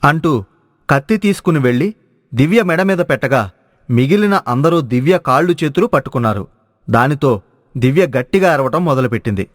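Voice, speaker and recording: A man narrating a cartoon story in a steady storytelling way. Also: mid-range voice, brisk, no echo, studio quality.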